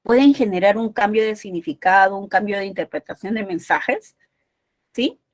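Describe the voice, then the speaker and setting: A woman's voice: medium pitch, moderate pace, no room sound. A woman teaching a university entrance exam prep class, explaining patiently and often checking in with short tag questions.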